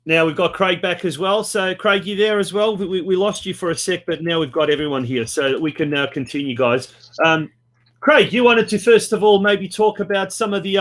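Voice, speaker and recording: Male sports show host, high voice, upbeat, stop-start casual presenting. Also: fairly bright tone.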